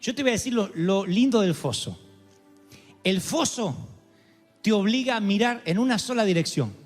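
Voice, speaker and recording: Male pastor, sermon, impassioned, loud then hushed, reverberant hall, soft music underneath. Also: high voice, animated, normal speed. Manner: impassioned, swings between shouted cries and hushed tones. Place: church before a congregation.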